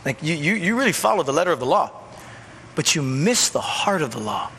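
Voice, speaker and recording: A man preaching a conversational sermon as a pastor in a church, acting out quick bits of dialogue. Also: on the high side, very animated, bright, forceful tone, breathy edge. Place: church sanctuary. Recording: long church reverb, faint noise.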